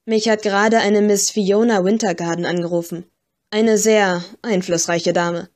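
A woman's voice: mid-range voice, fairly even intonation, measured pace, darkish tone, lightly acted. A woman voicing a grumpy, stiff middle-aged male police inspector in an audiobook reading. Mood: gruff.

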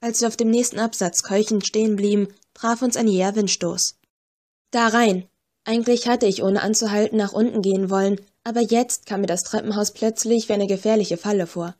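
A woman reading a first-person audiobook story in a measured, tense storytelling manner. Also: mid-range voice, steady tone, dark tone. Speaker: audiobook narrator. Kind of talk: first-person scripted narration.

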